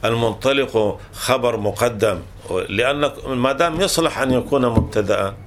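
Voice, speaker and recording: A man's voice: medium pitch, normal speed, a little hiss or hum. Patient man teaching grammar, repeating rules. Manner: patient and repetitive, restating each rule several times with self-corrections. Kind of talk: explaining a classical grammar text to a student.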